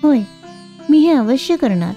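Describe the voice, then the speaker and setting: A woman's voice: high voice, very animated, unhurried, mellow, soft background music, pitched above the performer's own voice, exaggerated voice. A woman doing a meek young daughter-in-law. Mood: timid. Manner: pleading, apologetic.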